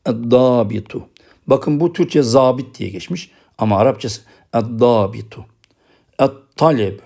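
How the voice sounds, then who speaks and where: Male teacher with a Turkish accent. Recorded lesson, slow drilled pronunciation, quick explanations. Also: mid-range voice, lively intonation, creaky, dark tone. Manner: pronounces each example word slowly twice, then explains quickly. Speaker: Arabic writing teacher.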